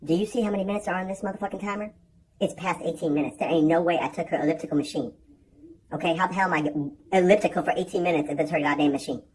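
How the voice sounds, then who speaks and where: A man's voice: on the high side, very fast, a little mellow, a little hiss or hum, poor audio. A man telling a comedic story in an exasperated, profane way, acting out the other people's lines himself. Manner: exasperated, profane, acts out quoted voices. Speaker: vlogger.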